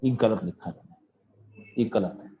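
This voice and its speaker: A man's voice: on the low side, a little slow, dull audio, slight background noise. A man teaching physics in an online class, asking questions and answering them in a student's voice, calling on students by name. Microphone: video call.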